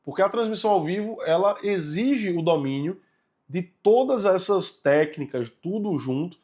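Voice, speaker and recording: A man's voice: high voice, lively intonation, moderate pace, darkish tone. A man giving a recorded video lesson, talking to viewers in a conversational way and checking in with them often. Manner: conversational, addresses viewers directly with frequent "né?". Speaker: course instructor.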